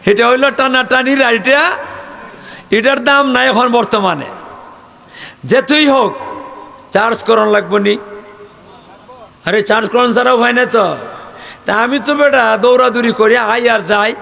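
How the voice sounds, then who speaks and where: An older man preaching a folksy, joking sermon, rising at times to shouts. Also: very high-pitched, measured pace, gravelly, long pauses.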